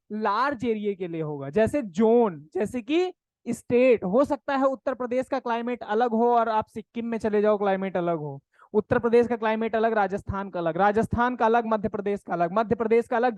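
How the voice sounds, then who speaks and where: A woman teacher delivers a classroom lecture in a fairly high voice, recorded dry and close with no room sound. She talks plainly and conversationally, slipping English terms into her sentences. She keeps asking rhetorical questions and tagging lines with quick checks like "right?" to keep the class with her. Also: darkish tone, no echo. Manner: asks rhetorical questions and ends phrases with "है ना?" and "ठीक है?". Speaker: agriculture exam coaching teacher.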